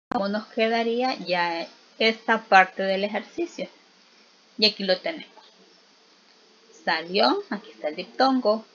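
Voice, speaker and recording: A woman teaching a spelling lesson, explaining slowly and patiently and often checking in with her students. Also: medium pitch, a bit bright, muffled recording, slight background noise. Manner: slow, patient explaining with frequent check-in questions.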